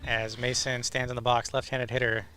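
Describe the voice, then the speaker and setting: A man's voice: mid-range voice, level tone, normal speed, a crowd in the background. A man giving live play-by-play commentary as a baseball announcer.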